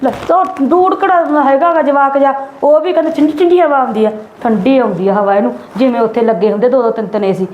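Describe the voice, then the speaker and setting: A woman's voice: sits high, fast, few pauses, darkish tone, close to an everyday voice. A woman playing a stingy sister-in-law who nags and taunts. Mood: taunting. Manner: taunting, nagging. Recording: echoey room, dull sound, faint hiss.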